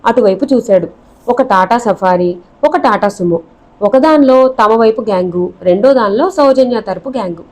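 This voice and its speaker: A woman reads a novel aloud in an expressive storytelling manner. Her voice sits fairly high and clear. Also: moderate pace, poor audio. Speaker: narrator. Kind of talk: audiobook narration of a novel.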